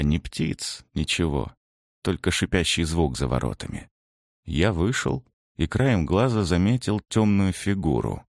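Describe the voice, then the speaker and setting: A man's voice: rumbling low, vocal fry, a little mellow, no echo, studio quality. A man giving a grim first-person narration of a gritty story. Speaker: audiobook narrator.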